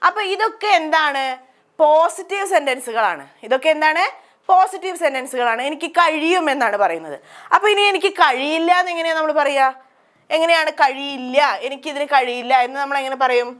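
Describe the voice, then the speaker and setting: A woman's voice: high voice, lively intonation, fairly quick, fairly bright tone. A woman with a Malayali accent teaching English grammar, asking questions and answering them herself. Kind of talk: grammar lesson explained in Malayalam.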